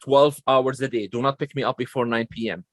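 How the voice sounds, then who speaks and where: A man's voice: medium pitch, fairly even intonation, brisk, no echo. A man with a non-native English accent, a chatty, self-deprecating guest telling stories in a casual interview.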